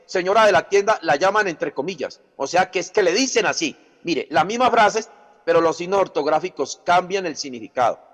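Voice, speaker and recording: A man teaching a Bible class as pastor, explaining step by step with rhetorical questions and repeated phrases. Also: fairly high pitch. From Colombia. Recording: long hall reverb.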